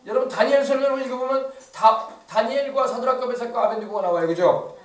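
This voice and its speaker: Heard from far off in an echoey church sanctuary, a fast-talking pastor with a very high voice preaches a rousing sermon full of call-and-response. His Korean carries a regional accent from the Yeosu area.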